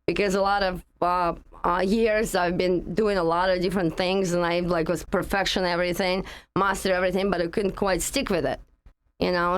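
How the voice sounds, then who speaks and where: A woman with a Russian accent speaks in a fairly low voice. She is a guest in a relaxed interview. She talks haltingly and fills her sentences with "you know" and "like.". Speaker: guest, energy practitioner. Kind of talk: casual interview.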